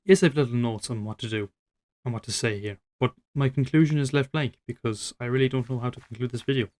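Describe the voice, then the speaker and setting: Talking over his gameplay, a nineteen-year-old gaming YouTuber muses in a quick, rambling way at medium pitch. He's self-deprecating, drops casual swears, and lets his voice fade out quietly.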